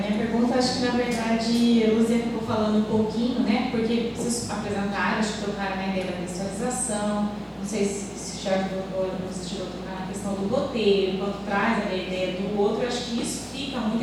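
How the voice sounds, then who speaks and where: A woman's voice: medium pitch, steady tone, fast, few pauses. A Brazilian woman at an academic panel, asking the speakers a question in a tentative, circling way. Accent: Brazilian Portuguese. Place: university amphitheater. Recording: echoey hall, distant mic, noise.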